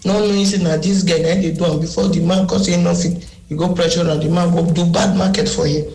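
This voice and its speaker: A woman's voice: fairly low pitch, fairly even intonation, fast, mellow, echoey room, low-quality recording. A woman with a Nigerian Pidgin accent tells a personal story in a recorded voice message played on a radio show. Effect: recorded voice message played on air. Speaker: radio listener sending a message.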